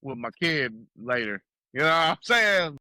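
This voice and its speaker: A man's voice: on the high side, big pitch swings, normal speed, pushed and bright, no echo. A man in his thirties from South Carolina with a Southern US accent, a rapper guest chatting casually in an interview, laid-back and repeating his words. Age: 30s.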